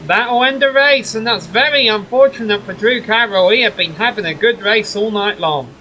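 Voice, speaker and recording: High, bright-voiced male race commentator. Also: normal speed, low-quality recording. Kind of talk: sim racing play-by-play commentary.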